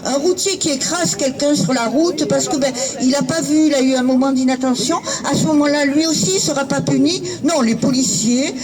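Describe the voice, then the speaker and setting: A man at an outdoor protest speaking off the cuff, hesitant and halting. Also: very high voice, music in the background. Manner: hesitant, with fillers and restarts. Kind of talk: impromptu speech at a rally. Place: outdoor rally. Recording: distant mic with loud background noise.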